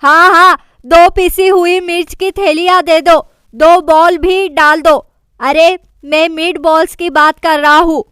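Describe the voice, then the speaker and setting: A woman voicing a sleepwalking young man who shouts loudly and drags out his words. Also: a little high, fairly even intonation, smooth, no echo, pitched below the performer's own voice, heavily acted. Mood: loud, drowsy. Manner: loud, drawn-out shouting.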